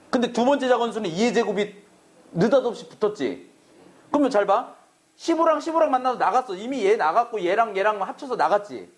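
A man teaching math to a classroom, brash and teasing, swearing at students in a casual way. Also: sits high. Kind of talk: classroom lecture.

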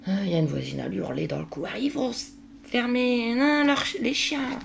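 A woman's voice: fairly high pitch, fairly quick, creaky, a little hiss or hum. A woman talking casually in a daily vlog, exasperated and worn out, venting with lots of fillers. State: worn out, at the end of her tether. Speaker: vlogger.

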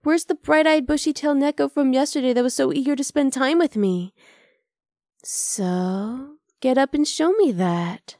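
A woman with a high-sitting, dark-toned voice speaks at a moderate pace with no echo, acting in an ASMR roleplay. She plays a close, dry, teasing half-dragon girlfriend, casual and coaxing with affectionate teasing.

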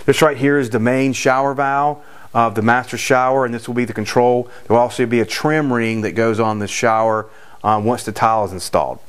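A general contractor in his forties casually walks through construction work inside an unfinished house with bare stud walls, often restarting and using fillers. His voice is medium-pitched, smooth, and brisk, with fairly even intonation.

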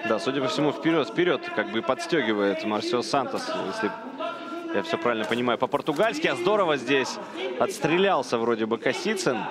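A man's voice: mid-range voice, animated, fairly quick, a loud crowd. A man giving live fight commentary.

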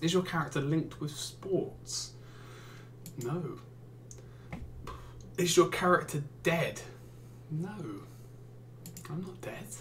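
A man's voice: fairly high pitch, fairly bright tone, a little hiss or hum. A man with an English accent giving casual gaming commentary, reading out questions and answering them with wry, exasperated jokes. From England. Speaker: YouTuber and streamer.

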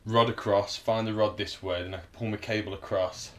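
A man's lowish, fairly bright voice moves briskly with fairly even intonation. He's an electrician narrating a casual work vlog indoors, dry and chatty, explaining as he rewires a house, sometimes short of breath.

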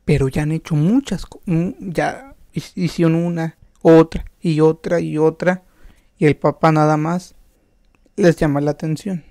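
A man preaching a sermon, slow and emphatic, with rhetorical questions and frequent restarts. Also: on the high side, steady tone, warm tone, no echo, clean studio sound.

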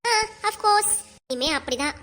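A woman's voice: high voice, lively intonation, takes it slowly, a bit bright, full character voice. A woman voicing a scheming, bossy young wife in a cartoon comedy, with a southern Tamil Nadu accent and a scornful, taunting manner. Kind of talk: cartoon comedy sketch acting.

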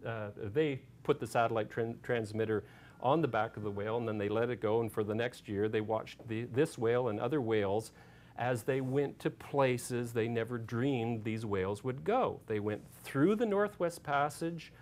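Halting male speaker telling a field story. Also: medium pitch. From Canada. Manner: halting anecdote, many fillers, gets animated and loud retelling shouts. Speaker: author giving a talk. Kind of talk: storytelling public talk.

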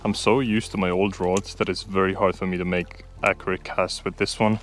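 In this casual riverside fishing vlog, the young Estonian talks openly to his audience in a voice that sits low, delivered flat and briskly. A little background noise is audible. The outdoor footage is shot on an action camera he wears.

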